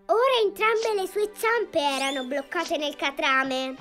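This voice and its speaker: A very high-pitched, lively little girl spins a fairy tale for young viewers. She is chatty and playful and turns to the listener with questions, in a cartoon storybook style. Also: measured pace, soft background music.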